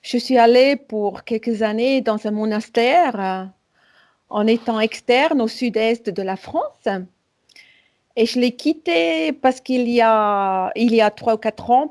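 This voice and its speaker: A woman's voice: on the high side, takes it slowly, a little mellow. A woman with a Swiss German accent speaking broken, non-native French as a client giving a conversational personal account. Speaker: client in a spiritual session.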